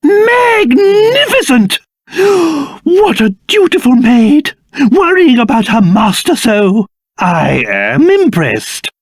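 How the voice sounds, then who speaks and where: An actor playing a pompous, fussy old king turned into a small monster in a video game, with a British accent and a theatrical, excitable delivery. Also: very high-pitched, slow pace, no echo, clean studio sound, heavily acted. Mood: impressed, commanding.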